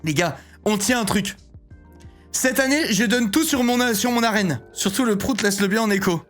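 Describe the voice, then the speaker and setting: A man in his thirties chatting casually on a live stream, excitable and rambling, often breaking into giggles. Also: high voice, moderate pace, soft background music. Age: 30s.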